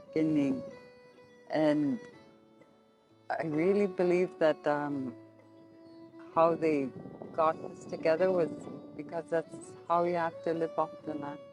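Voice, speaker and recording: Slow, thoughtful older woman over guitar music. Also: deep voice, rough recording. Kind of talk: reflective interview talk.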